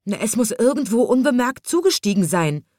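A woman's voice: medium pitch, very animated, unhurried, no echo, studio quality, voice pushed up. A woman doing a frantic train conductor. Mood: agitated. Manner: agitated, pleading. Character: excited, desperate male train conductor.

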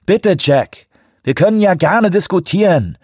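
A man's voice: high voice, lively intonation, unhurried, darkish tone, breathy edge, dry recording, studio quality, voice pushed up, full character voice. A man playing an exasperated whale researcher. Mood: urgent. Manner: urgent, pleading, irritated. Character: exasperated male whale researcher, barely restrained.

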